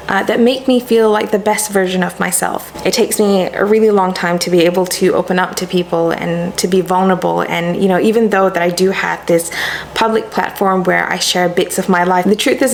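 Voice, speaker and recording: A young Malaysian woman whose first language is Malay speaks in a mid-range voice in an earnest, reflective personal YouTube vlog. She's thoughtful, using soft fillers, and the recording has a little hiss or hum.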